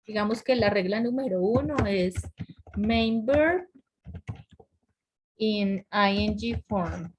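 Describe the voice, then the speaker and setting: A woman teaching English grammar over a video call. She explains step by step and often restarts her sentences as she goes. Her voice sits at a middle pitch. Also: a little slow, few pauses, slight background noise, low-quality recording. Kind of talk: online class lecture.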